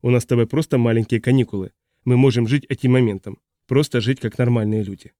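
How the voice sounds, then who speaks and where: A man's voice: medium pitch, steady tone, quick pace, warm tone, no room sound, clean studio sound, lightly acted. A man voicing a contented middle-aged official in an audiobook reading.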